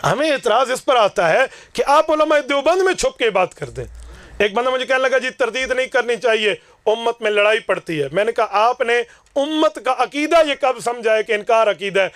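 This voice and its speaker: High-pitched fiery male preacher. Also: lively intonation, no echo. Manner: forceful, declaiming, acts out dialogues. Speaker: Islamic preacher. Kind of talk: fiery sermon to a gathering.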